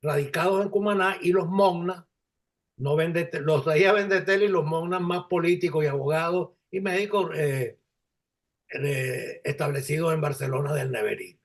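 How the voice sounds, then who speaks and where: A man in his seventies with a Venezuelan Spanish accent, a guest in an interview, speaking in a halting, reflective way with many restarts. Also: a little high. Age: 70s. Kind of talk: conversational interview.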